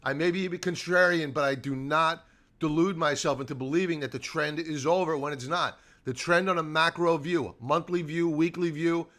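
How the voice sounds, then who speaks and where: This stock trading show host and technical analyst talks through live charts informally and emphatically, hammering key points and answering his own questions. He speaks at a moderate pace in a slightly high, fairly bright voice with fairly even intonation.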